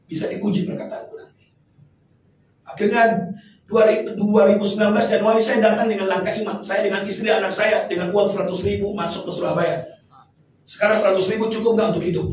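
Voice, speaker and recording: A pastor preaching a sermon, swinging between loud shouts and hushed tones, recorded in a church hall. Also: male voice, sits high. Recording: echoey church hall from far off, faint noise.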